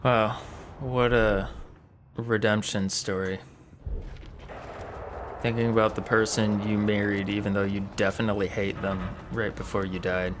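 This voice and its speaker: A man's voice: fairly low pitch, level tone, unhurried, background noise. A man giving casual gameplay commentary with dry, sarcastic asides. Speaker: let's play streamer.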